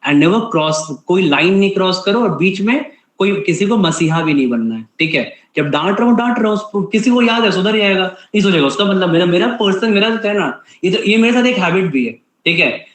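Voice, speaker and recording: A stern man with an Indian English accent lectures his online class, switching back and forth between Hindi and English and tagging almost every sentence with a check for agreement. His voice sits a little high for a man. The sound is roomy and echoey, as if he were recorded in a bare room on a computer mic. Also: animated, fairly quick, hardly any pauses. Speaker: online teacher.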